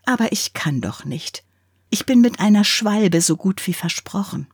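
A prim, vain old toy ball from a storybook chatters away in a high, fussy voice, put on by a woman reading aloud. The delivery is slow and singsong, with a breathy edge, recorded close and dry. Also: lively intonation, no echo, heavily acted. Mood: coy.

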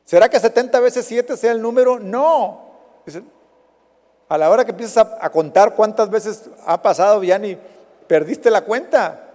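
A man with a Mexican Spanish accent preaching a sermon, swinging between loud dramatic rises and quiet fading endings. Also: sits high, normal speed. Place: church hall. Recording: reverberant hall recording.

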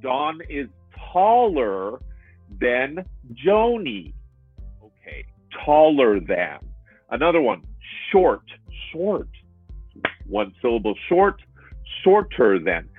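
A male English tutor speaks very slowly, stretching and repeating each example with a lively, up-and-down delivery. His voice is a bit husky. The sound is dry and narrowband, like a muffled call recording. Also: medium pitch, no room sound, faint music behind. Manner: animated, stretches and repeats words for learners. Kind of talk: slow, drawn-out teaching with examples. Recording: muffled, phone-like online lesson audio.

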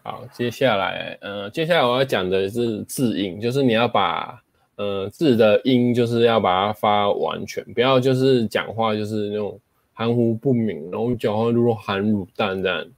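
Male host, lower pitch, dry close recording, casual explanatory delivery with spoken demos and fillers. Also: moderate pace, vocal fry, no echo. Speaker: host explaining speaking skills.

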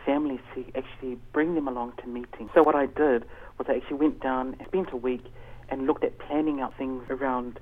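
A man giving earnest, explanatory answers as a guest in a conversational interview. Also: medium pitch. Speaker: interview guest, education facilitator. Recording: tinny narrow phone line.

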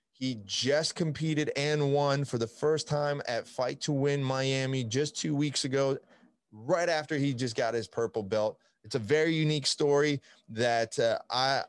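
A man's voice: medium pitch, dry recording, clean studio sound. A young man with an Italian accent hosting a podcast, talking in a rambling, upbeat way full of fillers. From Italy. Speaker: podcast host. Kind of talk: casual interview chat.

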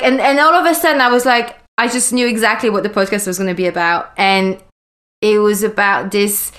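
A woman's voice: medium pitch, a bit bright. A woman in her forties from Belgium, a podcast guest telling her story in a chatty, rambling way with frequent laughs. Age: 40s. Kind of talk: casual interview chat.

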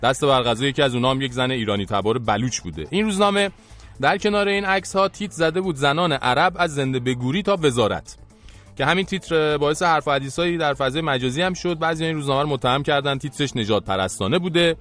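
A man's voice: on the high side, lively intonation, a bit bright. Male satire host, Iranian Persian accent, colloquial mock-formal press review delivery, light music bed.

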